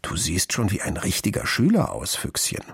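A man voicing an eager little schoolgirl who begs sweetly and speaks up proudly, in a husky voice. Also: wildly swooping pitch, moderate pace, no echo, studio quality, exaggerated voice. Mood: cheerful. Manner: bright, begging, high voice.

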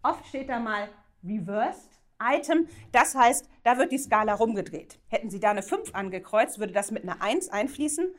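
A woman's voice: fairly high pitch, animated, moderate pace. A middle-aged woman delivers a university lecture. She explains carefully, poses rhetorical questions to her listeners and often checks in with short tag questions between points. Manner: many "ja?" check-ins and "ähm" fillers.

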